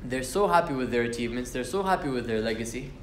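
Animated and fast, a young man with a medium-pitched voice teaches the Quran informally in a university lecture room, reciting Arabic verses along the way. He chats casually, with fillers and restarts. The space is reverberant, and a slight hiss or hum can be heard.

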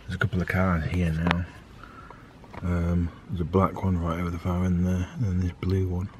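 A man in his thirties with a low, monotone voice talks at a moderate pace, with background noise audible. He's a vlogger rambling casually to a handheld camera held at arm's length, hesitant and full of ums, for a daily vlog. He moves from a park outdoors to a car and then home.

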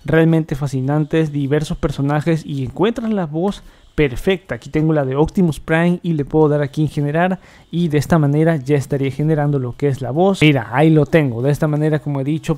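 A man hosting a software tutorial, explaining each step as he clicks through, often repeating set phrases. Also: a little high, brisk. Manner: repetitive, filler-heavy demo talk. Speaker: tech tutorial host. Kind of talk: screen-recorded software tutorial.

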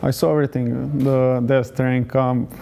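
A man in his twenties with a Serbian accent, a football player answering interview questions in short, halting phrases. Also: mid-range voice, flat delivery, warm tone, slight background noise. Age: 20s. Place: hotel lobby, indoors. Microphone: lapel.

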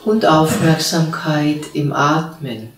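Female meditation teacher, unhurried and soothing delivery, distant mic, echoey room. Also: low voice. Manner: slow, calm spoken instructions with long pauses. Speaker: spiritual teacher leading a meditation. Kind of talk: guided meditation. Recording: roomy sound from a distant mic.

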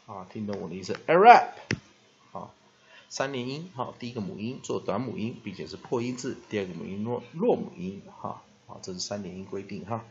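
A male English teacher explaining word pronunciation in a vocabulary lesson with a Taiwanese Mandarin accent, slowly stretching out example words and dropping a filler "ha" between phrases. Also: on the low side, a little mellow, muffled recording. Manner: drawn-out repeated demonstration words, frequent filler "ha".

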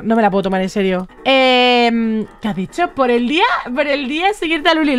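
High-voiced woman doing gameplay commentary. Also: smooth. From Spain. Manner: animated and expressive, reacting aloud to trade offers. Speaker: gaming YouTuber.

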